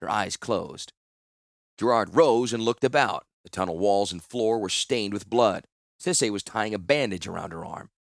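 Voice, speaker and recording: A man reading a fantasy audiobook as scripted narration, in a steady, measured storytelling manner. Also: on the low side, gravelly, no room sound, studio quality. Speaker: audiobook reader.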